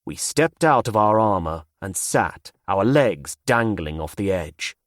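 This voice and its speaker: Male audiobook narrator, first-person fantasy, measured and low, dry studio sound. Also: sing-song, no room sound.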